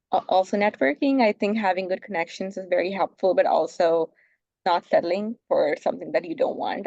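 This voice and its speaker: A woman's voice: fairly low pitch, creaky, darkish tone, no room sound. A young woman from India, a clinician and panelist, speaking earnestly and steadily with some ums. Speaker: panelist, mental health clinician. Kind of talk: panel introduction and advice. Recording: dull, dry video-call audio.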